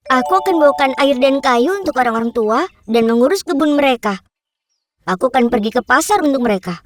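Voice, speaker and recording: A woman's voice: high-pitched, animated, brisk. A woman voicing a sensible, earnest, hardworking little pig in a children's cartoon fairy tale. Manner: earnest, scolding, helpful.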